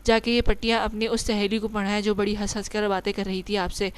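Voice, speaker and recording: A pouting young wife, jealous and quick with a retort, as a woman reader puts her on. Her voice stays smooth and fairly level while she grumbles and snaps. It is an audiobook figure read in a storytelling style. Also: medium pitch, little pitch movement, natural voice. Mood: jealous, sulky. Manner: pouting, teeth-gritting complaints. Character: young wife, sulky, jealous, sharp-tongued.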